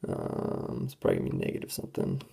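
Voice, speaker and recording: Losing their voice and clearing their throat, a teenage student presenter works through a statistics problem on a calculator in a classroom walkthrough of a calculator test. The mellow-voiced student thinks aloud, hesitating often and using plenty of fillers.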